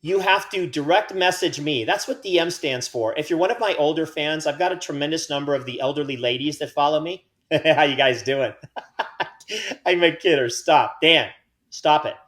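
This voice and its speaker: A man hosting a podcast in a loose, chatty way, full of teasing and self-mockery. His voice sits a little higher than most men's. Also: normal speed, a bit bright. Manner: joking, self-mocking banter. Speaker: podcast host. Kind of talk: casual podcast chat.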